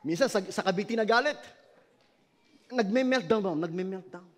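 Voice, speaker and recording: A middle-aged man with a Filipino accent, preaching a sermon as pastor and switching between Tagalog and English, loud at his peaks and soft when telling stories. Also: high-pitched, normal speed.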